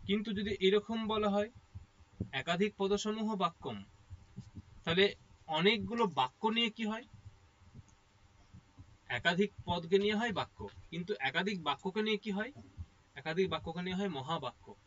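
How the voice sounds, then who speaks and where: This Sanskrit teacher has a high, slightly bright voice with lively intonation, speaking at normal speed and pausing often over dull audio. His explanatory lecture proceeds step by step, and he regularly checks in with the class by asking "ঠিক আছе?".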